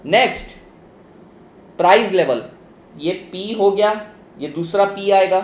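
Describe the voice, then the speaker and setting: A man's voice: high voice, slow pace. Male teacher explaining, echoey room. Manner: casual, mixes English into explanations, addresses students as beta. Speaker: economics teacher. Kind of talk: live online exam-prep lecture. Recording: roomy echo with faint ambience.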